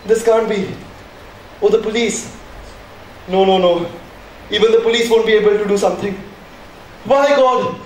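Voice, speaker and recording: A man's voice: sits high, fairly even intonation, normal speed, long pauses, close to an everyday voice. A man playing a distraught worried father. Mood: despairing. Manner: anxious, pleading, despairing. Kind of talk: school stage play. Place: large school hall. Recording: echoey hall from far off, faint noise.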